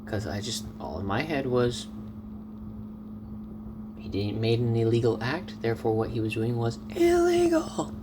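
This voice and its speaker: Man, casual vlogger, animated storyteller, mid-pitched voice, clear street and traffic noise behind. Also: a little slow, pauses often. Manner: chatty, animated storytelling with excited outbursts. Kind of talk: casual vlog chat.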